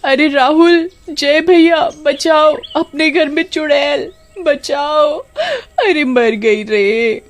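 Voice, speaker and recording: Shrill, nasty young aunt figure for an animated storybook, voiced by a woman. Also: moderate pace, lightly acted. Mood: wailing. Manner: scolding, wailing when hurt. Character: cruel shrill young aunt, short-tempered.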